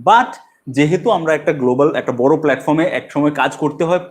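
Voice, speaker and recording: A man teaching a spoken English lesson, switching between Bengali and English and repeating slow example sentences for practice. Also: fairly high pitch.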